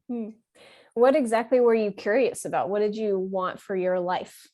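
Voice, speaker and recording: A woman's voice: medium pitch, moderate pace, mellow. A woman interviewing a member, asking short questions and murmuring along as she listens. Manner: brief prompts and murmured acknowledgements. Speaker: interviewer, community host.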